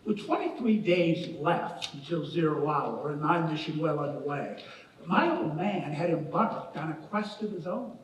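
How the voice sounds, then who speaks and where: A man's voice: a little high, expressive, unhurried, a little hiss or hum. An actor playing a grown man wryly narrating his own boyhood in a stage musical. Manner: wry, storytelling. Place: theatre stage. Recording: echoey theatre from far off, music.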